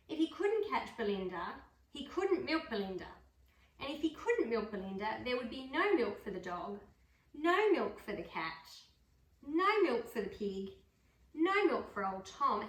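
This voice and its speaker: A woman reading a picture book aloud to a dog, adding gentle chatty asides between pages. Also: fairly high pitch, very animated, unhurried. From Australia. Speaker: storybook reader. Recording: roomy room, mic far off.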